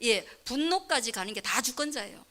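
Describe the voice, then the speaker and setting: High, bright-voiced woman pastor preaching. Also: expressive, normal speed. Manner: asks the congregation questions and answers them herself; swings between fervent near-shouting and soft whispering. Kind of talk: sermon.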